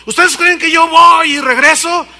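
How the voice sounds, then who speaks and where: A preacher voicing a boastful tightrope walker who shouts challenges at a crowd. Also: male voice, very high-pitched, fairly even intonation, a little slow, pitched above the performer's own voice, heavily acted. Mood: challenging.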